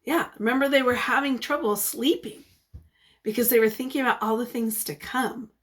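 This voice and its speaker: Reading a picture book with teacherly warmth, a woman whose voice runs on the high side stays expressive and encouraging. She breaks to question the young listeners.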